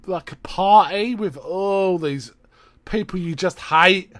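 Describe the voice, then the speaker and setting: A man co-hosting a podcast, retelling a film's plot in lively casual chat with asides. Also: high voice, slow, no room sound. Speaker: podcast co-host. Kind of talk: casual film recap chat.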